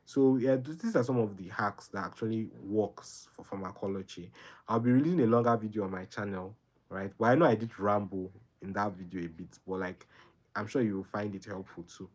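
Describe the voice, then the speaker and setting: A young Nigerian man hosts a live Q&A, answering viewer questions with earnest, rambling advice, repeating himself and tacking "right?" onto his sentences. His voice is fairly low and he talks a little fast.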